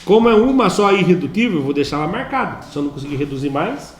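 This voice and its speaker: A man's voice: fairly high pitch, animated, quick pace. A Brazilian man teaching math to a class, playful and chatty, asking students questions as he works problems. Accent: Brazilian Portuguese. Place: school classroom. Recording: echoey classroom.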